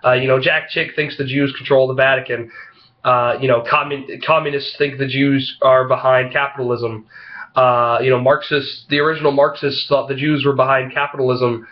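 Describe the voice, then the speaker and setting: This vlogger is stuffed up from a head cold, his mid-range male voice slightly froggy and his delivery flat as he shares opinions with the camera. The casual talk stops and starts, rambling along with lots of fillers like "uh" and "you know," over slightly muffled audio.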